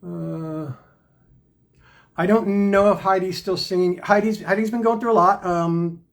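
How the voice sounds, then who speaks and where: A man's voice: high-pitched, steady tone, measured pace, creaky, rough recording. A man hosting a casual live stream on a phone or webcam, rambling and reading viewer comments aloud.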